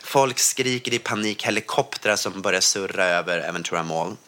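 A man from Sweden tells a personal story in relaxed conversation. His voice sits a little low but sounds bright and pointed. He talks in a rush, stopping and restarting his sentences. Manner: vivid, tumbling retelling full of restarts. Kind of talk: casual storytelling.

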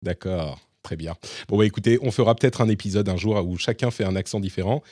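A man from Lebanon hosting a casual tech podcast, chatty and animated, often restarting his sentences. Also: fairly low pitch, fast, dry recording, clean studio sound. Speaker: podcast host.

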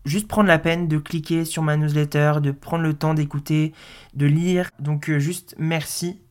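A woman's voice: deep voice, steady tone, a little slow. A woman in her twenties hosting her own audio note, talking casually and chattily with many fillers. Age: 20s. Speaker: podcast host.

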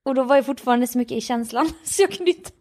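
A young woman co-hosting a podcast, retelling a story with animated quoted dialogue and frequent laughter. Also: high voice. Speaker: podcast co-host. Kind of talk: casual chat, storytelling.

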